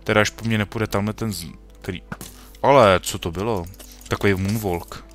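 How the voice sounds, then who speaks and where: A man's voice: lowish voice, fairly even intonation, soft background music. Young man rambling through gameplay commentary. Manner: rambling, self-correcting, jokey asides to the game. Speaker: gaming video host. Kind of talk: casual Minecraft let's play commentary.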